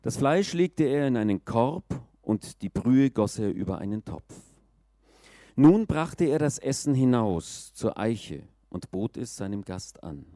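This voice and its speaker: A man reading a Bible passage aloud in a measured, calm way. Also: lowish voice, no echo, clean studio sound. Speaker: scripture reader.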